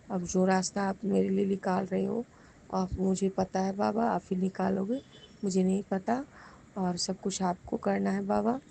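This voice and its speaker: A woman's voice: mid-range voice, vocal fry, dark tone, a little hiss or hum. A woman sharing a devotional testimony with the congregation, fervently and repeatedly giving thanks to her guru. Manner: addresses listeners directly as the congregation.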